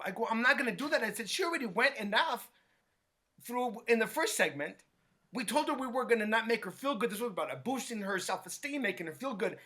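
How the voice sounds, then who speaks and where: A man, a hairstylist guest, telling a story in an animated way and acting out what others said. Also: sits high. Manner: acts out quotes with lively voices, many restarts.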